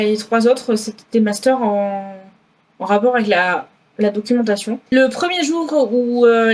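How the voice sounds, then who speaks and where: Slightly high and a bit mellow, this woman's voice belongs to a French student vlogger in her twenties with a southwest accent. She chats loosely, using lots of fillers and self-corrections.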